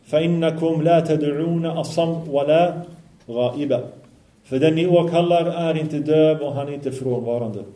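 A man teaching an Islamic study lesson in a fairly high but mellow, warm voice. He recites Arabic passages, translates and explains them, and quizzes his listeners. The recording sounds echoey and roomy. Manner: asks the listeners questions. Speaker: religious teacher. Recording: echoey room.

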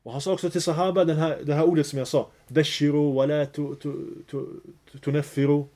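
A man's voice: a little high, little pitch movement, dark tone. A man giving an earnest religious lecture, telling stories and mixing in phrases. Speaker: preacher.

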